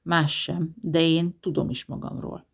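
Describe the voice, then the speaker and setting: A narrator doing a gruff sardonic old man. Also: mid-range voice, level tone. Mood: lecturing. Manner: dry, sarcastic lecturing.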